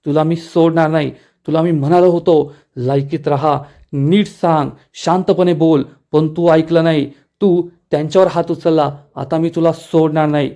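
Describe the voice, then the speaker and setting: A man's voice: a little high, fairly even intonation, moderate pace, warm tone, close to an everyday voice. A man reading the lines of a hot-tempered young son who is defending his father. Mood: angry.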